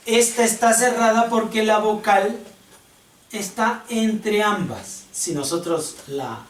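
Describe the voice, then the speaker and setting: A man teaching a classroom lesson, slow and patient, often checking whether the class understands. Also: high-pitched. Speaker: Hebrew teacher. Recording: echoey room, distant mic, faint hiss.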